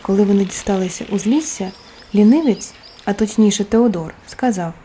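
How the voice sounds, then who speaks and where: A woman, the author, reading her own fairy tale aloud as storybook narration, expressive and animated. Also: medium pitch, moderate pace, slight background noise. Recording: soft music underneath.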